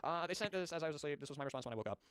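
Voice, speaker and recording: A man's voice: fairly high pitch, lively intonation, very fast, a bit bright, clean tone, no room sound. A male streamer reading documents aloud with live commentary, often stumbling over words and breaking off into exasperated, profane asides.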